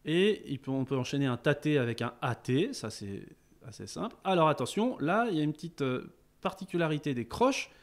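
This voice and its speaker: A man teaching a beginners' rhythm lesson, explaining calmly between chanted counting exercises. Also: on the high side, a little fast. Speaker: music teacher.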